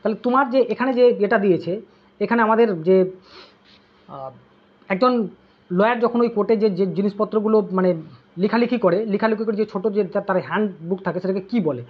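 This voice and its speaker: Tutor going over english vocab for an exam, husky breathy voice, keeps asking "okay?", sounds kinda dull and lo-fi. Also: medium pitch, brisk, long pauses. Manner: drills terms with constant "okay?" check-ins; asks students questions, then answers them. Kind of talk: online exam-prep lesson.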